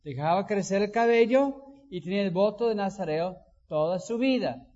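A man preaching a sermon, acting out quoted voices and rising to loud emphasis. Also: high-pitched, lively intonation, moderate pace. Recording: dull sound with long hall reverb.

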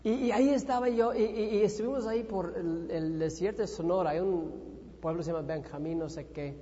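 A man preaching a sermon in a church, telling a personal story with animated energy and acting out his own panic. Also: high voice, a little fast. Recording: echoey hall, dull lo-fi sound.

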